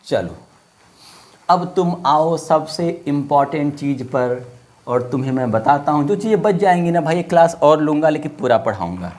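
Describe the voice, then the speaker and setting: Casting: male teacher, somewhat high voice, casual friendly online lesson, drills with questions and repetition. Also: expressive, moderate pace, a little mellow. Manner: asks questions and repeats words for drill; casual, friendly classroom talk. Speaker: Hindi grammar teacher.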